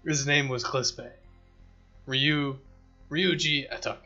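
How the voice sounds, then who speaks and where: A man voicing a wise, formal cyborg dwarf companion who explains lore in a measured way. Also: mid-range voice, steady tone, sharp tone, lo-fi sound, soft background music. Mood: calm. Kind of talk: reading game dialogue aloud.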